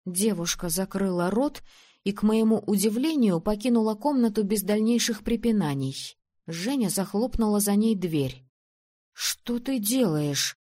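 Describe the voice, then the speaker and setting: A woman reading first-person fiction aloud as an audiobook narrator, calm and measured. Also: medium pitch.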